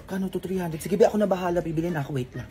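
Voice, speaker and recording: A person acting out a comic family sketch, switching quickly between several characters. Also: lowish voice, dark tone, soft background music. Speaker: comedy sketch creator playing all parts.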